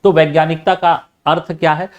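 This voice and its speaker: A man giving an explanatory lecture on music, full of filler phrases and restarts, and at times he shows loud and soft speaking as he talks. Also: a little high, flat delivery, brisk, highs cut off. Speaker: teacher.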